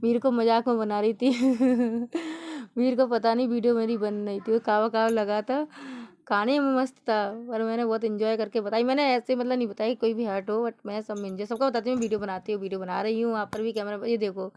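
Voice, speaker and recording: A woman's voice: a little high, steady tone, brisk, darkish tone, smooth. A young woman from northern India narrating her family vlog in a chatty way, laughing often and talking straight to the viewers. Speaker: family vlogger.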